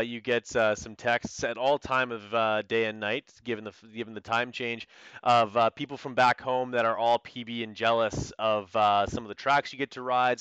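A man hosting a casual interview in a smooth, resonant voice, friendly and joking with lots of hesitant fillers. The sound is dry and a little dull. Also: medium pitch, a bit bright, no room sound. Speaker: interviewer, host.

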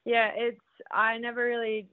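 A woman's voice: a little high, completely flat delivery, moderate pace, no echo. A young Australian woman, a motocross rider, chatting as an interview guest, chatty and laughing often with lots of fillers. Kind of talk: casual interview. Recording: dry tinny phone-like line.

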